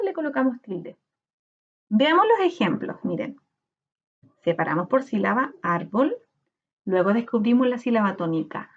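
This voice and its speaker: Chilean woman teacher, high lively voice, unhurried, dull lo-fi audio. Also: breathy edge. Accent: Chilean Spanish. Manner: slow, sounds out syllables in a drawn-out voice. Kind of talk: recorded classroom lesson.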